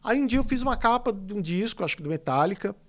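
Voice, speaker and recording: High-voiced and fast, this man from São Paulo state, Brazil, speaks São Paulo Portuguese as a guest illustrator on a casual podcast interview. He tells stories in a rambling, animated way, packed with fillers.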